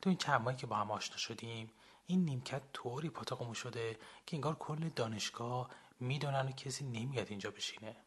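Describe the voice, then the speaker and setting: A young man calmly reading a first-person story as a radio storyteller. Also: medium pitch, husky. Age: young adult. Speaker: blogger and storyteller.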